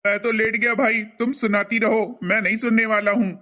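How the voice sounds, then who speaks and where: A man's voice: sits high, little pitch movement, brisk, pushed and bright. A man playing a lazy young husband who grumbles about getting out of bed.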